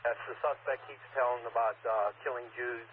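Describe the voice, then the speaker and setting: Over a police radio, a man reports in a level, monotone voice. The sound is narrow and phone-like, heard from some distance away. A low hiss sits underneath it. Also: normal speed. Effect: police radio transmission. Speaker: police officer on dispatch radio.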